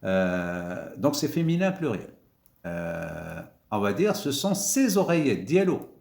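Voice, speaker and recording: A man's voice: on the low side, sing-song, takes it slowly, gravelly, a little mellow, reverberant. Man teaching French grammar. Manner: switches between French and Moroccan Arabic glosses; repeats key words, emphatic rising stresses. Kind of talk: grammar lesson explaining examples.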